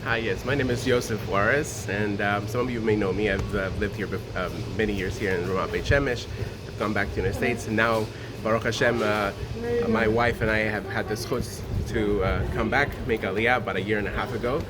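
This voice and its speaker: A man's voice: lowish voice, fairly even intonation, a little fast, noisy background. A man from Honduras giving an earnest, informal talk as a guest speaker, with many fillers and restarts. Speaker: guest speaker sharing a Torah thought.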